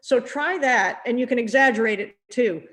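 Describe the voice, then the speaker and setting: A middle-aged woman leads a percussion masterclass in a rehearsal room. Her voice sits slightly high, and she speaks in a kindly, encouraging way, often restarting or repeating a word as she works out her thought. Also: normal speed. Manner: gentle, encouraging, repeats words as she thinks. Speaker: percussion teacher giving a masterclass.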